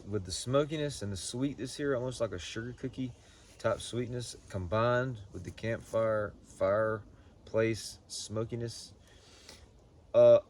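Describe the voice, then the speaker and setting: A man giving a casual, unscripted product review in a halting, folksy way, often repeating words as he goes. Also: on the low side. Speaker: pipe tobacco reviewer.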